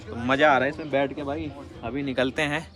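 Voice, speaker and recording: A man's voice: mid-range voice, steady tone, brisk. A man talking casually to his viewers in a travel vlog, recorded outdoors on a small boat on a lake, calling them "brother" as he goes. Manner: chatty, keeps calling the viewer "bhai". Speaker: travel vlogger.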